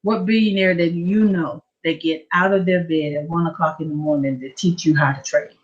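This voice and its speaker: A woman giving a lively testimony at a church prayer service, telling her story with animated energy. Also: low voice, normal speed. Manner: lively storytelling, acting out her own excitement. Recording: dull lo-fi church livestream.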